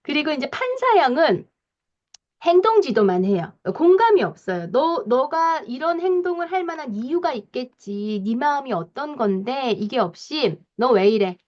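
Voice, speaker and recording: A woman parenting coach giving a lecture, talking in a lively way with frequent soft fillers and acting out parents' lines as she explains. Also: high-pitched, moderate pace, lo-fi sound.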